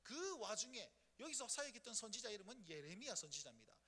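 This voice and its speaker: Male pastor, Gyeongsang accent, sermon, lively bright voice, echoing sanctuary. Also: high voice, fast talker. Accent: Gyeongsang Korean. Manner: animated storytelling, acting out scenes. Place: church sanctuary. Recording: echoey church hall.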